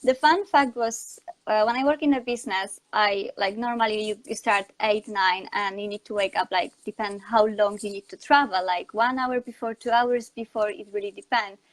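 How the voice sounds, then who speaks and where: A Polish woman, a communication coach and online educator, speaks accented non-native English as a guest in a conversational interview about her work. Her medium-pitched voice is steady, at a moderate pace with hardly any pauses, and the recording quality is low.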